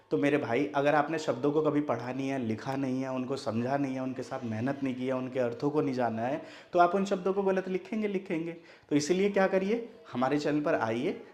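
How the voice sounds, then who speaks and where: A man's voice: on the high side, darkish tone. A man teaching Hindi spelling who keeps asking rhetorical questions to his students. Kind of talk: classroom explanation.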